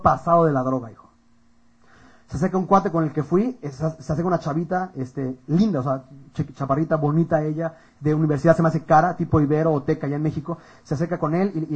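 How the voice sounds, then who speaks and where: Mexican man as youth preacher, husky and high-voiced, slangy, animated sermon. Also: muffled recording. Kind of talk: energetic youth-camp sermon.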